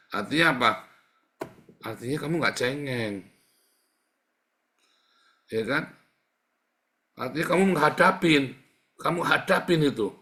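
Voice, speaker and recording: A male pastor preaching a sermon emphatic repetition, his delivery swinging from quiet to loud. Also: on the high side.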